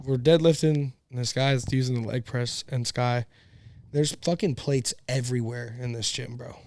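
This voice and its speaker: Guy on a podcast telling a gym story, swears a ton, animated, dry close sound. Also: medium pitch, normal speed, no echo. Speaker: podcast co-host. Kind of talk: casual podcast chat.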